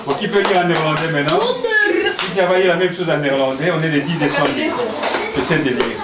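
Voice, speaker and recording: A man's voice: fairly high pitch, very animated, a little fast. A man, a singing-school teacher talking with children in class, asking questions, encouraging them and laughing often. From Congo. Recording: echoey room with children's crowd noise.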